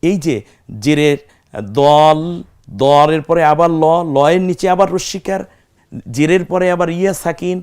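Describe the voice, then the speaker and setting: A man's voice: a little high, level tone, measured pace, pauses often, darkish tone, clear, resonant tone. A man teaching a step-by-step recitation lesson, spelling out letters, stretching vowels to demonstrate, and answering his own questions to the class. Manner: asks the class questions and answers them himself.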